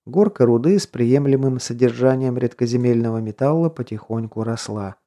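A man's voice: mid-range voice, moderate pace, mellow. A man narrating a science-fiction audiobook in the first person, in a wry, conversational way with casual slang.

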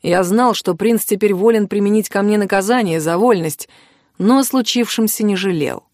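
A woman narrates a fantasy audiobook in a measured, expressive manner. Her voice sits in a middle pitch, recorded dry and close with no room sound. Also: no echo.

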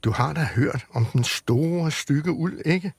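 A man reading aloud plays a prim, dainty little lamb girl with a haughty, scolding tone. The voice is husky and gravelly. It is a storybook reading. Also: on the high side, dry recording, clean studio sound. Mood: telling.

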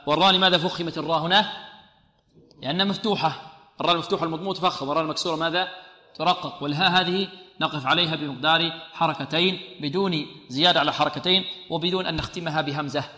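A man teaching Quran recitation rules, asking questions and answering them himself and stretching out sounds slowly to model how they are said. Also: a little high, fairly even intonation, bright, forceful tone, roomy sound, big-room sound. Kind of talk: tajweed lesson on radio.

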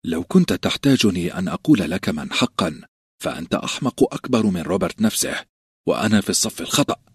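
A man reading an audiobook, voicing a secretive, soft-spoken middle-aged eunuch spymaster with a low, polite voice that can turn cutting. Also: big pitch swings, fast talker, slightly rough, no room sound, clean studio sound, exaggerated voice. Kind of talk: audiobook character voice.

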